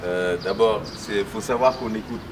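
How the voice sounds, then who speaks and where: A man's voice: lowish voice, moderate pace. A man rapper, answering casually with many fillers. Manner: relaxed, many fillers like "tu vois". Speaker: rapper guest. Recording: distant mic with noisy ambience.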